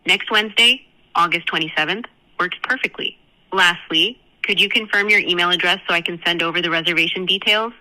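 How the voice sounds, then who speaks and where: A woman's voice: fairly low pitch, a little fast, sharp tone, rough recording. A synthetic woman's voice acting as a phone receptionist, heard through a phone on speakerphone, with polite scripted customer-service phrasing. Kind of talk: booking call.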